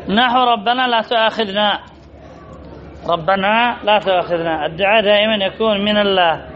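A man teaching an Arabic grammar lesson to a class, reading from a text, repeating key terms and calling on students by name to answer. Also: high-pitched. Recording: dull lo-fi classroom recording.

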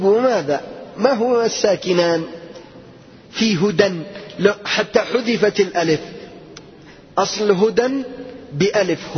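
Male teacher, high voice, quizzing students, repeating words slowly, muffled, reverberant classroom. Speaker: Arabic grammar teacher. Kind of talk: classroom grammar lesson with questions to students.

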